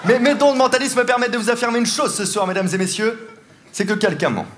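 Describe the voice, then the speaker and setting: A man's voice: very high voice, brisk. A man performing a comedic mentalism act on stage, teasing volunteers and laughing often as he talks. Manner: playful, teasing, laughs often while talking. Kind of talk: live stand-up mentalism show. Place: large theatre stage with live audience. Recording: live show with audience noise. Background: audience laughter and applause.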